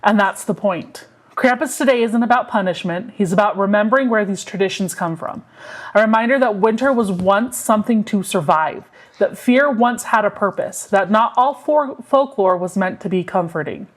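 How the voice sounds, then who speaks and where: Woman narrating folklore, measured and solemn. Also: medium pitch. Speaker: podcast co-host. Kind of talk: scripted narration of a folklore segment.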